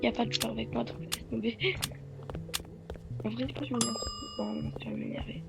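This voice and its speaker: A woman commentating her game in a chatty, hoarse voice, stammering and bursting into loud outrage at times. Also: fairly high pitch, little pitch movement, a little fast. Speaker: gaming YouTuber. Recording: loud game music behind.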